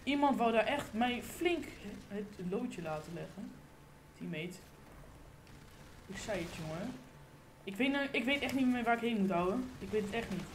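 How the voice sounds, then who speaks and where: A woman provides live gameplay commentary on her gaming channel, excitable and swearing, breaking into sudden loud outbursts. Her voice sits on the high side at a normal speed, captured on a desk condenser mic with a little hiss or hum.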